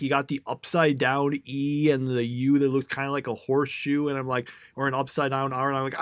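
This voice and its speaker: Man, podcast co-host, rambling self-doubting chat, middle pitch, dry close sound. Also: no room sound. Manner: rambling, self-doubting, thinks aloud with fillers.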